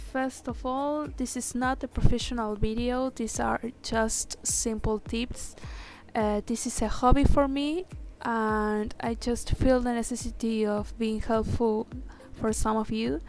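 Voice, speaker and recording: Over background music, a tutorial maker narrates a screen-recorded software walkthrough in a fairly high-pitched voice. She is a Spanish-accented woman whose first language is Spanish, and she gives slow, careful step-by-step instructions peppered with hesitant fillers.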